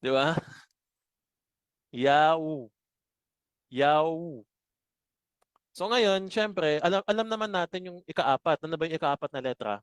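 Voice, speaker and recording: A man teaching a Bible study lesson, explaining slowly and asking his listeners rhetorical questions. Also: high-pitched, smooth, no room sound. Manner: slow, explanatory, asks rhetorical questions often.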